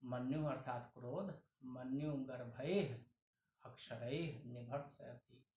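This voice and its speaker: A man's voice: mid-range voice, steady tone, takes it slowly, mellow, a little hiss or hum. A male teacher with a Hindi accent reads a Sanskrit text one line at a time and explains each line in plain Hindi. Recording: echoey room.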